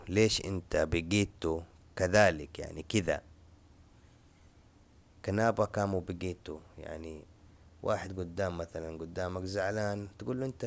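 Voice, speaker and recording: A man teaching a casual spoken language lesson, explaining slowly and repeating each example phrase. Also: sits low, vocal fry.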